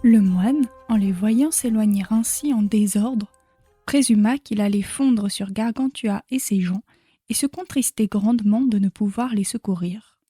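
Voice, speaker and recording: A woman reading a classic novel chapter as an audiobook narrator in a measured, clear way. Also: mid-range voice, mellow, no room sound, faint music behind.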